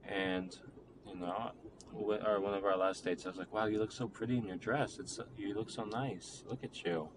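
Low-voiced young man, rambling reflective talk. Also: steady tone. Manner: rambling, halting, reflective, with many fillers. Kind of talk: personal monologue about a relationship. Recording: noticeable background noise.

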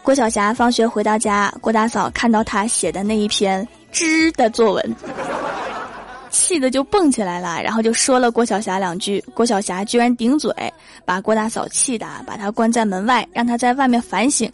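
Lively young woman. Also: on the high side, normal speed, over music. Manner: lively, punchy, joking. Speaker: comedy host. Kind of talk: comedic storytelling monologue.

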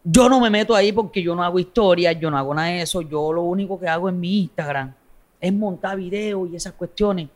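High-pitched, blunt coastal Colombian man. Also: fairly quick. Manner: blunt, slangy, foul-mouthed. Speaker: social media content creator being interviewed. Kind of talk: casual interview chat.

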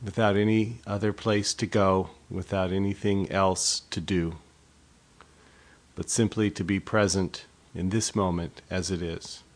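In a voice that sits low with fairly even intonation, the man guides a body scan, his instructions gentle and measured, separated by pauses.

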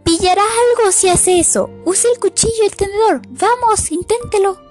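A woman's voice: very high voice, normal speed, darkish tone, faint music behind, pitched above the performer's own voice. A woman reading aloud and voicing a fussy, imperious lady colonist who speaks brusquely and with disgust. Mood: commanding. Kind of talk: audiobook character voice.

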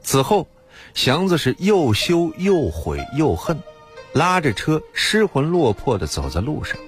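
Expressive male storyteller over music. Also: fairly high pitch, unhurried. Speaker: narrator. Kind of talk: scripted storytelling narration.

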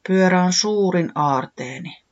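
A storyteller voicing a tearful, excitable young male bunny who wails and weeps easily, in a dull lo-fi recording. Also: mid-range voice, pitched above the performer's own voice, close to an everyday voice. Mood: despairing. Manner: wailing, easily weeping.

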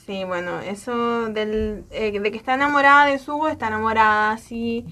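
A woman with a notably high voice hosts a relaxed podcast conversation. She talks frankly and wryly, the way you would with a close friend. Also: moderate pace. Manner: chatty, wry, frank. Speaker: podcast host. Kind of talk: casual chat.

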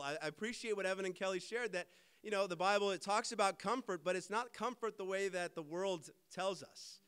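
A male preacher delivers a sermon in a high, smooth and resonant voice. He talks with emphasis and keeps putting pointed rhetorical questions to his listeners. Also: sharp tone.

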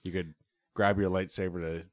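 A man with a very deep voice co-hosting a casual podcast. He drops short, joking remarks into the chat. The recording is dry and close, with no room echo. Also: little pitch movement, brisk. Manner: joking, brief interjections. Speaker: podcast co-host.

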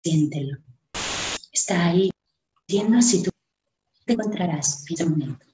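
A woman host guiding listeners in short, unhurried phrases with long pauses, as in a meditation. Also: fairly low pitch, expressive, dark tone, slight background noise. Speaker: host leading a guided breathing meditation. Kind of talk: guided meditation, slow and soothing instruction. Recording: roomy, echoing sound.

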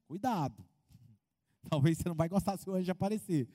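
A man preaching a sermon as pastor, in an animated way. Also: high voice, a little fast, big-room sound. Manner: animated preaching, acts out congregants' voices.

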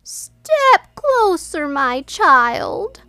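A woman's voice: very high-pitched, big pitch swings, very slow, pushed and bright, no echo, voice pushed up, full character voice. A woman doing a sly sweet-talking storybook wolf. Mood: coaxing. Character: sly wicked male wolf in disguise.

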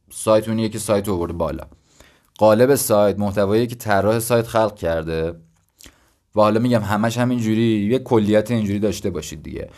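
A man in his twenties from Iran, with a lowish and slightly mellow voice, hosts his own casual solo podcast. He explains ideas conversationally, thinking aloud and tossing in self-deprecating asides.

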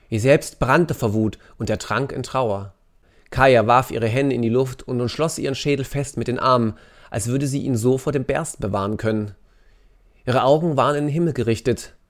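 A man reading a novel excerpt aloud in an intense, expressive storytelling manner. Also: medium pitch. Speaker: narrator. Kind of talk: dramatic audiobook reading.

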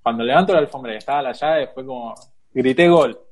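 A young Argentine man with a Rioplatense accent, casually telling a lively travel anecdote, laughing often and acting out the people in his story. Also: medium pitch, fast talker. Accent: Rioplatense Argentine Spanish. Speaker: guest storyteller.

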